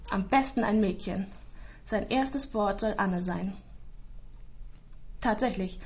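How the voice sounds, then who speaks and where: Brief: female storyteller, calm and even, somewhat high voice, dull lo-fi audio. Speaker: narrator. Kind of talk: scripted story narration.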